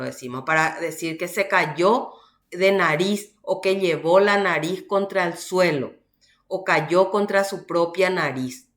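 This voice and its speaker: A woman teacher from Paraguay giving a university language class, explaining slowly and often checking with "¿verdad?". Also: on the low side, fairly bright tone, reverberant. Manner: slow, explanatory, frequent "¿verdad?" tags. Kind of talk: online class lecture.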